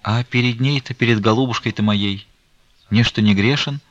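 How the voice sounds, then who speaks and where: A man reading the part of a stern, grieving old merchant, talking in a slow, weighty, reproachful way. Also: medium pitch, no room sound, highs cut off, pitched above the performer's own voice, natural voice.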